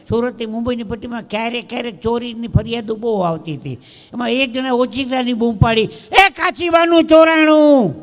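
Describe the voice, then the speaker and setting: Older Kathiawadi male stand-up comic, high pitch, punchline-driven stage storytelling. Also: long reverb tail. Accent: Kathiawadi Gujarati. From Dwarka, Saurashtra, India. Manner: storytelling with punchlines, acts out voices. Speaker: stage comedian. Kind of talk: live stand-up joke telling. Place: outdoor fair stage before a crowd.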